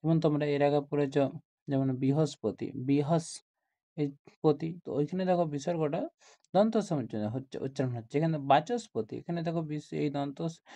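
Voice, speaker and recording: A man's voice: on the high side, dark tone. A man teaching a grammar lesson to school students, explaining step by step and often asking questions like "isn't it?".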